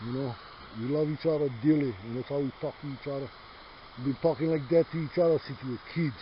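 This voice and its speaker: A man's voice: mid-range voice, steady tone, fast talker. A middle-aged man from Hawaii's Big Island with a Hawaiian Pidgin accent, talking casually outdoors in his yard, rambling, swearing freely and calling the listener brother. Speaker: host. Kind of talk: casual chat. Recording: dull lo-fi sound with faint noise.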